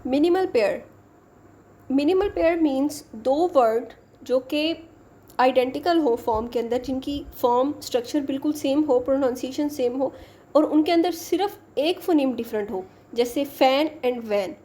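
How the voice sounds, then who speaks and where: Woman lecturer, high and mellow, slow patient explainer who mixes English terms into Hindi-Urdu. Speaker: teacher. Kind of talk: exam-prep lecture.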